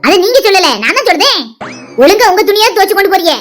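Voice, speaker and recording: A woman's voice: very high-pitched, lively intonation, rapid-fire, fairly bright tone, faint music behind. A woman voicing an argumentative, protective young mother in a cartoon, with a Tirunelveli Tamil accent. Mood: bossy. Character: quarrelsome young mother, daughter-in-law.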